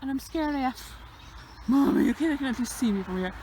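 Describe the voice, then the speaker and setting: A woman's voice: high-pitched, animated, quick pace, darkish tone, slight background noise. A young woman vlogging on a hike, chatting and rambling to herself, a little out of breath, on a country road. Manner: chatty, rambling, talks to herself, swears lightly. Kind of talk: rambling vlog chat on a walk. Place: outdoors on a country road beside a fenced field. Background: passing cars.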